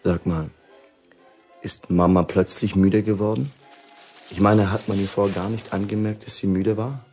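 An actor playing a weary, doomed husband who speaks in a husky, hushed, halting voice, in an old mono radio play with music. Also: male voice, fairly even intonation. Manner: low, hushed and halting, growing urgent. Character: weary doomed husband Bill, middle-aged man.

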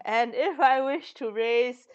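A woman's voice: on the high side, slow, muffled recording. A woman co-hosting a casual vlog, rambling through a show-and-tell with lots of fillers. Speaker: vlog co-host. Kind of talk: casual chat.

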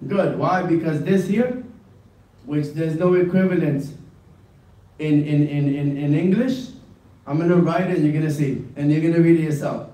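A man teaching an Arabic class, drilling each word slowly and repeating it many times. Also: on the high side, warm tone. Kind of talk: classroom lesson. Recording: echoey classroom from far off.

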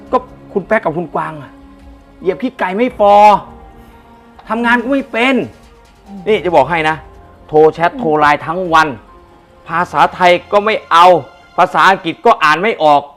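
A man's voice: on the high side, expressive, normal speed, fairly bright tone, slightly rough, soft background music, exaggerated voice. An actor playing a chatty middle-aged warehouse worker who gossips about his bosses. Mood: gossiping.

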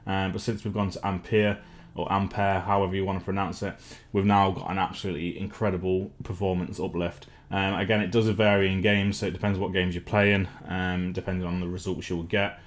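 A man's voice: sits low, flat delivery, a little fast, hardly any pauses, a little hiss or hum. A man doing a casual benchmark review as a tech channel host, hesitant and full of ums and restarts.

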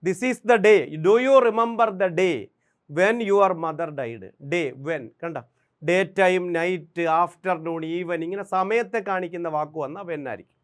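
A man with a Malayali accent, a native Malayalam speaker, teaching English grammar for exams, drilling examples and asking quick questions. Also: sits high, clear, resonant tone. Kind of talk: exam-prep grammar lesson.

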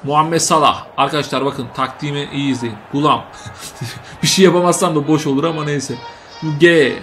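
A young man commentating his own football video game, shouting the play-by-play and grumbling in between. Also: fairly high pitch, steady tone, brisk, soft background music. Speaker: gaming commentator.

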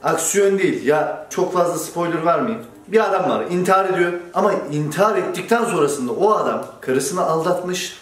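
A man's voice: on the high side, expressive, normal speed, few pauses. A young man with a sniffly cold, chatting casually and jokingly as a barber hosting a vlog. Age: young adult. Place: indoor barbershop. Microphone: camera a few steps away. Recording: echoey room, distant mic, music behind.

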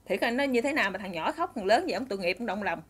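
A woman's voice: medium pitch, lively intonation, very fast, a bit bright, husky. A woman with a Southern Vietnamese accent telling a story in a chatty way, addressing her listeners directly.

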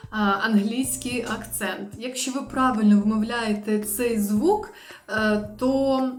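A woman from Ukraine teaching an English pronunciation lesson, drilling sounds slowly and carefully. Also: a little high. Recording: roomy with faint music.

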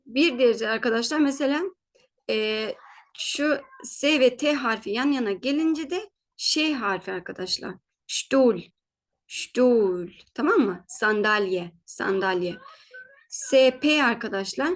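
A woman teaching German pronunciation in a patient spoken lesson, repeating each word slowly, checking in often, and fixing her own slips as she goes. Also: fairly high pitch, lively intonation.

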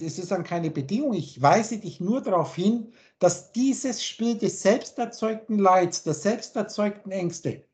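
A man's voice: high-pitched, a little mellow. A man, a spiritual teacher, giving a long philosophical monologue on a video call, insistent and full of rhetorical questions. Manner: insistent, repeats points and asks rhetorical questions.

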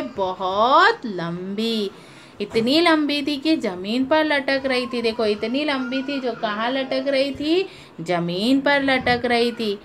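A woman's voice: a little high, slight background noise. A woman teaching young children, reading a story aloud and repeating questions for her pupils. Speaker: primary school teacher.

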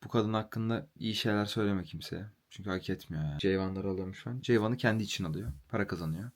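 A man's voice: deep voice, quick pace. A young man venting in a casual vlog monologue, heated and swearing freely. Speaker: vlogger.

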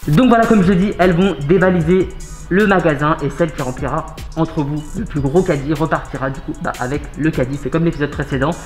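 Fast-talking young masked man. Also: a little high. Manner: speaks through a face mask. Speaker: video host. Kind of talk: energetic challenge vlog presenting and commentary. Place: inside a large video game shop. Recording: roomy shop echo, loud background music.

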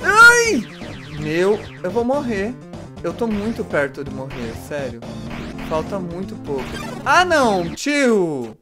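A man doing let's play commentary, excitable, yelping and shrieking in panic as he plays. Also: high-pitched, takes it slowly, over loud music. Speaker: gamer.

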